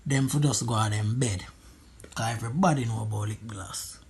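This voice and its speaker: A man's voice: on the low side, normal speed, breathy edge. A man with a Jamaican accent giving casual, humorous commentary, using Patois slang and repeating phrases for emphasis. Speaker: friend doing a makeup voice-over.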